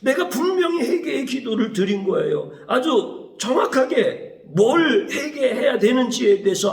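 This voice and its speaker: A male pastor preaching a Wednesday sermon in a lively way, acting out prayers in a pleading voice. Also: high voice, gravelly. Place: church sanctuary. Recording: echoey church room.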